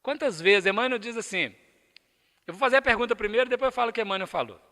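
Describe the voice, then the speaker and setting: A man's voice: extremely high pitch, animated, quick pace, bright, forceful tone. A man with a Brazilian accent giving a spiritist lecture, emphatic and asking the audience rhetorical questions. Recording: echoey lecture hall.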